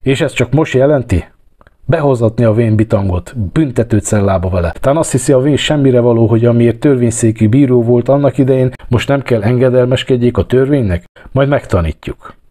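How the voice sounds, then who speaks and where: A man voicing a huge, gruff middle-aged police chief who barks harsh orders. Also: lowish voice, animated, few pauses, dark tone. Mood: angry. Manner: barking, harsh commands.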